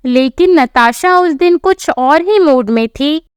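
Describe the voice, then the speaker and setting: A woman narrating a family story in an even, scripted storytelling manner. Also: sits high, slow, no room sound, studio quality.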